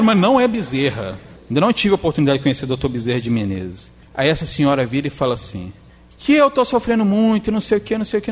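A man's voice: a little high, in a large hall. A man giving a spiritist lecture in a conversational way, acting out the people he quotes in changed voices. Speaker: spiritist speaker.

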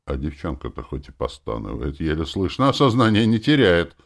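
Deep-voiced expressive male audiobook narrator. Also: fairly quick, gravelly. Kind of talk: first-person audiobook narration.

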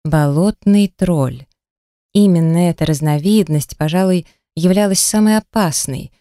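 A woman narrates a first-person fantasy story in a wry, lively manner. Her voice sits on the lower side, and the recording is dry and close with no room sound. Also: unhurried, dry recording. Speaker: audiobook narrator.

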